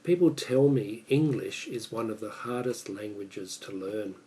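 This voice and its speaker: Aussie guy, warm mellow voice, measured prepared talk, mic a little distant. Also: on the low side, lively intonation. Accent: Australian. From Australia. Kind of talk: prepared speech.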